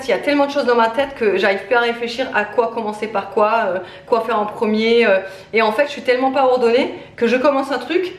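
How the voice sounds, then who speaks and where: A woman's voice: fairly high pitch, roomy sound. A woman in her thirties from France, a family vlogger chatting at home to camera, full of hesitant fillers and worn out. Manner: chatty, lots of hesitant "euh" fillers, says she is tired. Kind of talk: casual chat to camera, product presentation. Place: at home, indoor room.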